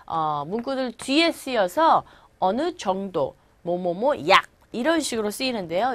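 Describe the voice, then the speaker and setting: Lively Korean woman teaching English. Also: a little high, no room sound. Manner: explains in Korean, reads English examples slowly. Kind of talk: recorded language lecture.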